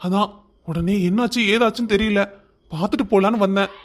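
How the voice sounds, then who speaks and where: A man voicing a kind, protective elderly father-in-law who speaks gently and reassuringly. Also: sits high, a little fast, natural voice.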